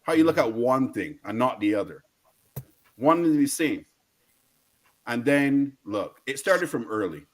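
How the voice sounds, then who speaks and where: A man with a Barbadian accent delivers an indignant fan rant about football. His pitch sits in an ordinary male range, and he speaks in slangy, emphatic bursts, hammering points home by repeating them. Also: sing-song, unhurried, long pauses. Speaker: football fan guest caller.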